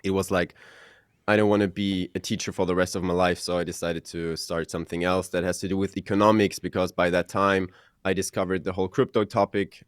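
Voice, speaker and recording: Brief: twenties guy, low smooth voice, dry close sound, shy and halting. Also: no room sound. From Germany. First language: German. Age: 20s. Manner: modest, hesitant, many ums. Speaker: podcaster guest. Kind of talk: casual interview answers.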